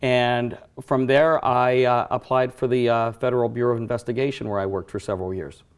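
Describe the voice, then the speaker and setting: His mid-range voice is steady and clean, moving a little fast. He's a middle-aged racing announcer from near Johnstown, Pennsylvania, reminiscing casually as a studio guest with fillers and self-corrections.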